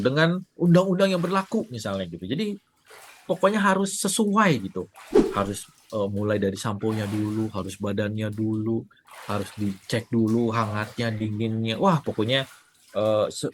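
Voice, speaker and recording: A man's voice: medium pitch, a little hiss or hum. A man who is a parenting coach, talking casually and acting out quoted spouses with a raised voice. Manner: animated, acts out quoted wives with a raised voice. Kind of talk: casual talk to camera.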